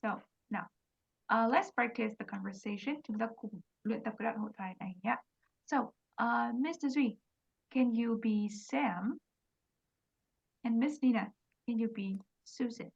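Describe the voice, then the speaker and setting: A woman English teacher with a Vietnamese accent, explaining quickly in Vietnamese and modeling English words slowly on a video call. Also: on the high side, vocal fry, slightly rough, dull audio. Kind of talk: online English lesson, mixing Vietnamese and English.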